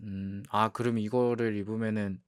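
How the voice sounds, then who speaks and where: A man playing a playful, defensive young boyfriend in a role-play ASMR audio drama, talking haltingly and repeating his words as he protests. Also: fairly low pitch, level tone, smooth, dry recording, studio quality, lightly acted. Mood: curious, hesitant.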